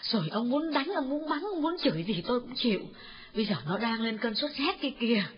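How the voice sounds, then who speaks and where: A man voicing an anxious elderly mother who pleads with her husband in a high, urgent voice, in an audiobook. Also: lively intonation, brisk. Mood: pleading. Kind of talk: audiobook character voice. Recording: dull lo-fi recording.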